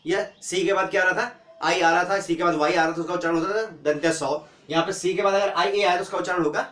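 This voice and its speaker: High-voiced man teaching in an echoey room. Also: steady tone, a bit bright, far from the mic. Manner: spells out letters slowly, asks and answers his own questions. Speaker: English teacher. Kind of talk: classroom-style phonics lesson.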